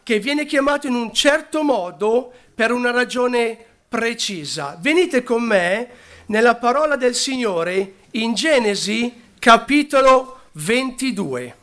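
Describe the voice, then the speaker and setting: A man preaching a sermon, unhurried, who stops to correct his own slips. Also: extremely high pitch, lively intonation, sharp tone.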